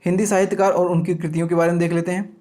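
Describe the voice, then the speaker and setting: Steadily listing example words, a fairly high-pitched man lectures on grammar for exam prep. He makes frequent pauses to be sure his students are following him.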